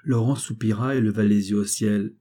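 A male narrator reads a literary tale in a measured, steady way. His voice sits low, with a dark, mellow tone and a husky edge. The delivery is calm, scripted storytelling. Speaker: audiobook narrator.

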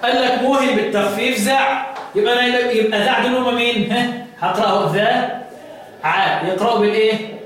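A man with an Egyptian Arabic accent teaching the Quranic readings, quizzing his students and chanting verses slowly. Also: very high-pitched, fairly bright tone. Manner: quizzing students with repeated questions. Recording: echoey room, distant mic, faint noise.

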